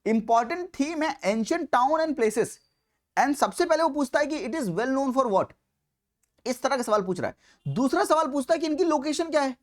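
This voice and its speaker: Speaking at an extremely high pitch, an Indian man gives an exam-prep lecture. He moves back and forth between Hindi and Indian-accented English, hammering and repeating key points with wildly animated intonation.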